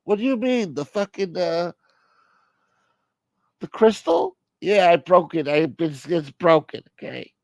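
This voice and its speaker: A fed-up middle-aged mob son, as a man puts him on in a comedy bit, whining in a strained voice pitched well above his own. The sound is dry and close. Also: fairly even intonation, moderate pace, creaky, few pauses, no echo. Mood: exasperated.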